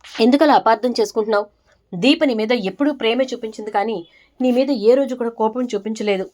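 Earnest pleading son, read by a woman, higher voice. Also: fast talker, darkish tone, lightly acted. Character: grown son, pleading and reasoning with mother.

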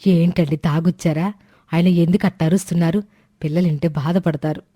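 A woman's voice: fairly low pitch, steady tone, brisk, mellow, close to an everyday voice. A woman voicing a long-suffering, devoted wife and mother who pleads with her drunk husband. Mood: pleading.

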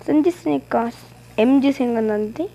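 High-voiced woman narrating her gameplay. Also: moderate pace, creaky, dark tone, low-quality recording. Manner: playful, teasing trash talk at opponents. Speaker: gaming channel host. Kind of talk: live game commentary.

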